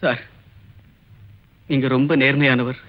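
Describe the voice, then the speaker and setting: A man's voice: medium pitch, flat delivery, a little slow, natural voice. An actor playing an earnest young college student who pleads his innocence and solemnly repeats his words. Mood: pleading. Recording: dull old film soundtrack with music.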